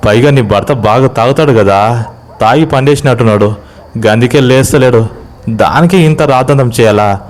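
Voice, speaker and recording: A man's voice: mid-range voice, normal speed, close to an everyday voice. A blunt rustic village man, as a male storyteller puts him on, talks with a Telangana accent. He speaks plainly and a little mockingly in a horror story. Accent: Telangana Telugu.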